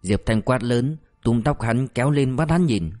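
A man narrating a story in a steady, even audiobook reading. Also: medium pitch, moderate pace, faint music behind.

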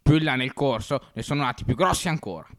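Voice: medium pitch, animated, fast talker, natural voice. A reader voicing a chatty, trusting passerby in an amateur audiobook. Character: naive passerby picking mushrooms.

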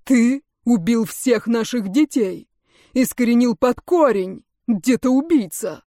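A woman voicing an enraged male fire mage and father, hurling accusations in raised, slow shouts. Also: on the high side, lively intonation, no echo, studio quality. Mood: furious.

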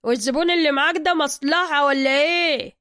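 Brief: a woman playing a loud, abusive Egyptian master mechanic in an audio story, high-pitched and booming, talks at a fast clip. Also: no room sound, clean studio sound. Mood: bossy. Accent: Egyptian Arabic. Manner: shouting, boastful, abusive. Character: loud bossy male master mechanic, hot-tempered.

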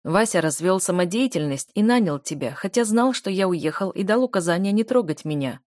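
A woman voicing a calm, possessive man who speaks in a level, unruffled way. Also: on the low side, fairly quick, no room sound, studio quality, lightly acted. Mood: firm. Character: calm possessive adult man, firm lover.

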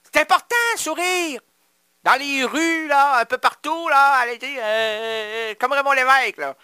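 A male radio host improvises a playful comic monologue, punning and rambling as he addresses imagined listeners. His voice is bright and forceful, dry and close in the studio. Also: very high voice, unhurried, no echo.

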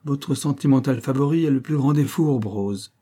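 A man's voice: medium pitch, moderate pace, warm tone, pitched above the performer's own voice, close to an everyday voice. A man voicing a bluff, jovial middle-aged father with a teasing manner.

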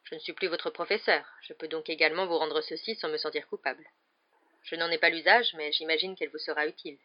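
A gentle, weary male teacher in a storybook reading, as the narrator gives him voice. He speaks calmly and quietly, each sentence measured. The sound is slightly dull and lo-fi. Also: mid-range voice, lightly acted. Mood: kind. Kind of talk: audiobook character voice.

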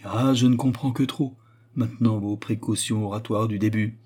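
A man voicing a frightened, agitated young noblewoman in a read-aloud story, with a husky, mellow voice. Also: fairly low pitch, fairly even intonation, moderate pace. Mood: anxious.

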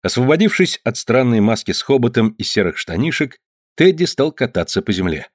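A man reading a novel aloud as narrator, in a measured storytelling way. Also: mid-range voice, big pitch swings, no room sound, clean studio sound. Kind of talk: audiobook reading.

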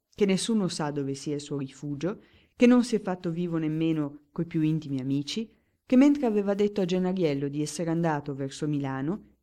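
A woman reading a pompous, dry old-style lawyer who lays out his suspicions like a courtroom speech. He declaims emphatically in a low, mellow tone, building his case point by point for the audiobook. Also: lightly acted.

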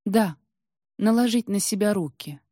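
A woman's voice: mid-range voice, a little slow, dark tone, no room sound, clean studio sound, voice pushed up, natural voice. Woman voicing a cold, defiant young tsaritsa. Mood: mocking. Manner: cold, prickly, insistent. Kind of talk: storybook reading.

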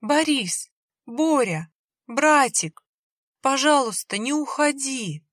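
A woman's voice: sits high, animated, slow, a bit bright, no room sound, studio quality, voice pushed up, heavily acted. Woman doing a rustling ghost girl, pleading. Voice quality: rustling, childlike. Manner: coaxing, insistently pleading. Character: ghostly little girl spirit, wheedling and pleading. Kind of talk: audiobook character voice.

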